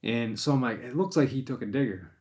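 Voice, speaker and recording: A Maine man hosts a casual podcast, retelling a deer hunt in a rambling storytelling style, frequently restarting and acting out his own thoughts. His voice is medium-pitched, quick, and somewhat dark in tone.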